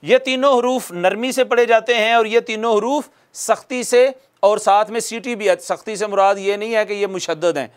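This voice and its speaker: A man giving a televised lesson on recitation, patiently repeating points, asking the viewer questions, and slowing down to demonstrate each sound. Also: high voice. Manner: slows down to demonstrate letter sounds. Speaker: Quran recitation teacher.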